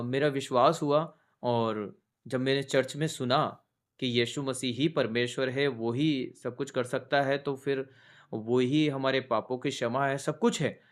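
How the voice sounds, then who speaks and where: A soldier sharing a personal faith testimony in an earnest storytelling manner, shifting his tone as he recounts conversations. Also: on the high side. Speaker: soldier giving a church testimony.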